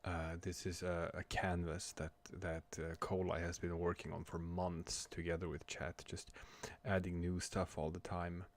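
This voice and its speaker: A man chatting casually on a livestream from home, talking quietly but clearly, soft and halting as if others are asleep nearby. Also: deep voice, flat delivery. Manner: quiet but clear, soft late-night talking to avoid waking a child; halting, hesitant. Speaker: livestream host. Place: room at home.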